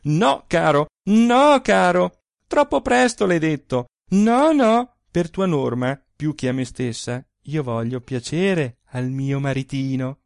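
A man's voice: medium pitch, a little slow, few pauses, darkish tone, dry recording, clean studio sound, lightly acted. A man reading aloud voices a playful, teasing young wife who coyly refuses her husband. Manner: coy, laughing refusals.

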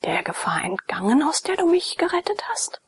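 A woman reading as a gentle noble young lady. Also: high voice, sing-song, moderate pace, dry recording, pitched above the performer's own voice. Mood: tender.

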